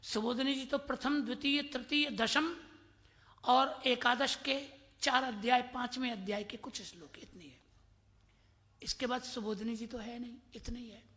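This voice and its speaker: Man in his 50s from mathura giving a scripture talk, high voice, long hall echo. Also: a little slow, sharp tone. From Mathura, India. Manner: storytelling, quoting Sanskrit verses; acts out voices in his anecdotes. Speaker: religious discourse speaker. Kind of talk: devotional scripture discourse.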